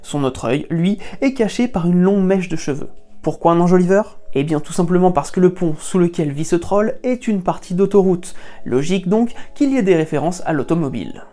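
Video host, playful scripted narration, warm tone. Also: mid-range voice, expressive, fairly quick.

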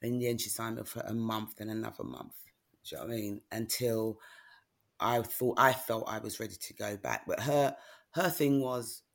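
A woman's voice: rumbling low, moderate pace, gravelly. A middle-aged woman, candidly telling a personal story in conversation and often asking "do you know what I mean?". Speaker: guest, author.

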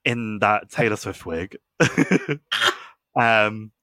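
A man's voice: on the low side, very slow, noisy background. A young man, co-hosting a podcast and gushing in casual, filler-heavy chat. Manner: gushing, chatty, lots of fillers. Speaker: podcast co-host.

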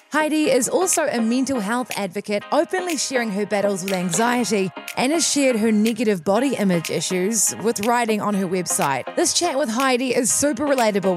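A young woman hosting a podcast interview, bubbly and encouraging in a casual way. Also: on the high side. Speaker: podcast host.

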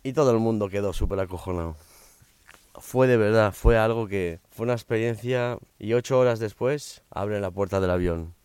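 Middle-aged male podcast host, Spanish with a light American accent, English-first speaker; low voice, dry close sound, frank confessional storytelling. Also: moderate pace, darkish tone, clean tone, no echo. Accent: slightly off Spanish, American-influenced. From Spain, raised in Miami. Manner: frank, conversational, with emphatic repetitions. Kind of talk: personal storytelling monologue.

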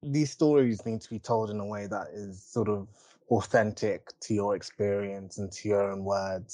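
Man, low pitch, casual interview chat, dry sound. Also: dry recording. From born in Angola, moved to East London area at six.

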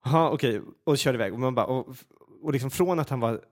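A man telling a personal story in a casual podcast chat, animated and full of fillers and restarts. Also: mid-range voice.

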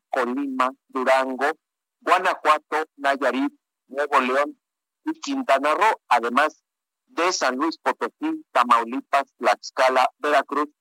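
A man giving a live news report over a phone call that keeps breaking up and cutting out, speaking haltingly with fillers. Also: mid-range voice, bright, forceful tone, no room sound. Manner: hesitant, halting delivery with fillers. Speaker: field reporter.

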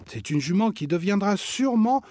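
A man's voice: high-pitched, expressive, normal speed, noisy background, pitched above the performer's own voice. A man voicing a friendly, polite horse breeder who sounds proud.

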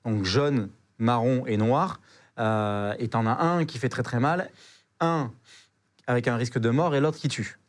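A young man tells an adventure story as a podcast guest, loose and slangy. He stumbles and repeats words as he goes, and his pitch sits in an ordinary middle range. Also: a little slow. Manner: slangy, animated, full of hesitations and repeated words. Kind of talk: casual storytelling.

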